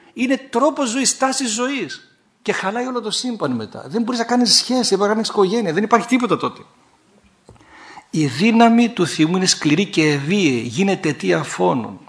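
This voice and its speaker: Lively Greek Orthodox priest preaching. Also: male voice, creaky. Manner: lively, animated preaching with sudden rises in pitch and humorous asides. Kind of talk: sermon.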